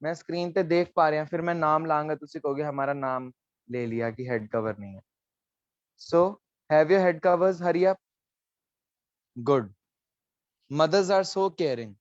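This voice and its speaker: A man leads a live online class, explaining each letter patiently and checking that students follow. His voice sits a touch high and sounds close and dry. The call audio comes through dull and lo-fi. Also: measured pace, long pauses, no room sound. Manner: patient, coaxing, mixes in English phrases. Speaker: online language teacher.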